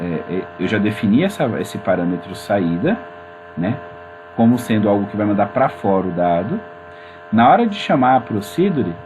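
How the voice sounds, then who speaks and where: A man teaching a programming class in a casual, chatty way, talking viewers through his screen. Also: mid-range voice. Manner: chatty and informal, addresses viewers as gente. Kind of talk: screen-recorded coding tutorial. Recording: mains hum in background.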